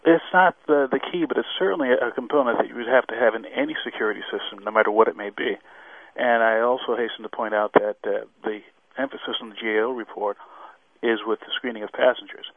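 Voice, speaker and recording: A man's voice: medium pitch, steady tone, fast, no room sound. A man giving expert commentary as a radio interview guest, explaining formally with examples over a narrow phone-like line. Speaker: airline safety expert guest. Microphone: remote line into radio show.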